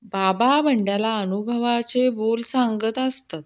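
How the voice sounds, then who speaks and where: A woman reading short jokes aloud in a plain, measured storytelling manner. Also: fairly high pitch. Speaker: joke reader.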